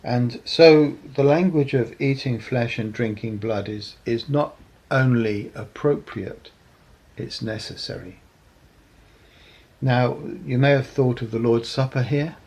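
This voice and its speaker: A man giving a reflective sermon talk, measured and earnest, often pausing with ums. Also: mid-range voice, darkish tone, slightly rough, low-quality recording. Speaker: preacher.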